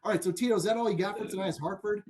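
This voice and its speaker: A man's voice: sits high, racing, a crowd in the background. A man co-hosting a sports betting podcast, chatting loosely and laughing easily. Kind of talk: casual podcast chat.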